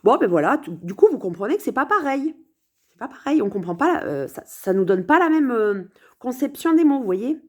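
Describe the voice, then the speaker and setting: A woman's voice: on the high side, big pitch swings, fairly quick. Rambling, hesitant woman talking to camera. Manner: hesitant, many fillers and restarts, musing aloud. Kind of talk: rambling casual vlog monologue.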